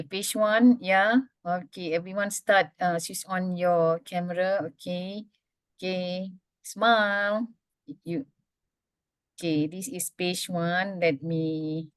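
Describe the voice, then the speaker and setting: A woman moderating a webinar on a video call informally, in short, halting phrases. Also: on the low side, dry recording. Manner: short halting phrases, often starting with okay.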